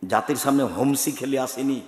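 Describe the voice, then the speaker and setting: A middle-aged man from Bangladesh, preaching a sermon forcefully, swinging from loud shouted lists to low asides. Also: brisk. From Chapainawabganj, Bangladesh. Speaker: teacher and scholar. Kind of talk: Bengali sermon. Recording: echoey hall with long reverb.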